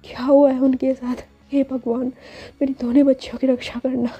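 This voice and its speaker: A woman's voice: high-pitched, flat delivery, moderate pace, soft background music. Woman voicing a tearful pleading mother. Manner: pleading, pious. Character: worried middle-aged mother, tearful and pleading. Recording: dull lo-fi recording.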